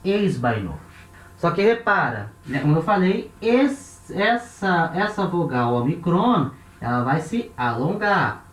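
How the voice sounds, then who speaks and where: A man's voice: fairly high pitch, big pitch swings, slow. A man with a Brazilian Portuguese accent teaching Ancient Greek grammar, explaining step by step and counting syllables aloud. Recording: roomy echo, voice off-mic.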